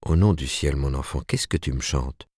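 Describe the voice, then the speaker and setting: A man's voice: extremely low pitch, normal speed, darkish tone, breathy edge, dry recording, studio quality. A man reading the part of a proper, disapproving middle-aged mother who lectures her daughter in an audiobook. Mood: coaxing. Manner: admonishing, rising emphatically.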